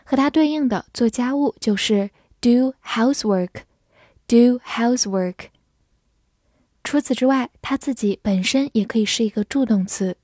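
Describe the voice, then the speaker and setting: A fairly high-pitched woman with a mellow, dark tone gives a scripted English vocabulary lesson. She speaks clearly and patiently and slows right down for example sentences. The recording is very dry and close, with no room sound. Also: no room sound. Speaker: English teacher.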